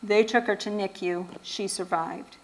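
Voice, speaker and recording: A woman talks at an ordinary middle pitch to a church group. Her delivery is casual and conversational, with frequent fillers and restarts. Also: fairly even intonation, unhurried, low-quality recording. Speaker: speaker at a church event.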